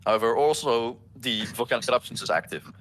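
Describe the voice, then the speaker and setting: A man who develops games, giving casual commentary over gameplay with many pauses and restarts. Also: medium pitch, a bit bright. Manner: halting, full of ums and restarts. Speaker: game developer co-hosting a gameplay stream.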